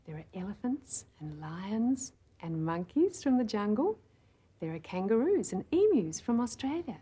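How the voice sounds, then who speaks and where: A woman's voice: fairly low pitch, dark tone, breathy edge. A woman entertainer speaking to young children between songs, playful and full of teasing questions. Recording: echoey room with long reverb and music.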